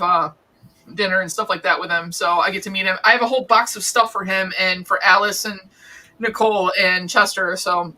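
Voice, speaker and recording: A woman's voice: mid-range voice, pushed and bright, low-quality recording. A woman hosting a casual live stream, chatting and laughing often with guests. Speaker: host.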